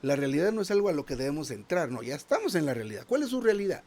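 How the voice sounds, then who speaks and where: A man's voice: on the high side, big pitch swings, very fast, a little mellow. A man preaching a sermon in a conversational tone, often asking the congregation "¿verdad?" and repeating small words as he searches for the next phrase.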